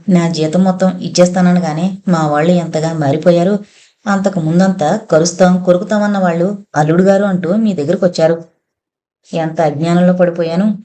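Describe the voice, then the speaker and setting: A tearful young wife pleads softly with her husband in a storybook reading, as a woman narrator puts her on. The voice sits a little low and sounds mellow and warm. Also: close to an everyday voice. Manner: pleading, apologetic.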